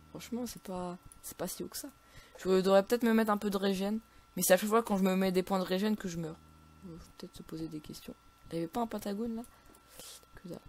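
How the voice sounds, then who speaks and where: A woman's voice: medium pitch, darkish tone, slight background noise. A woman with a French accent casually commentating her own video game play, full of frustrated outbursts and stumbling restarts.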